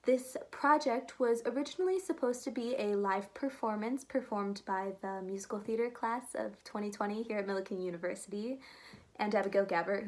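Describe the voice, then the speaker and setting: An eighteen-year-old woman from Ohio, earnestly introducing her student project. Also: mid-range voice. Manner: earnest, proud. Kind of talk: scripted introduction.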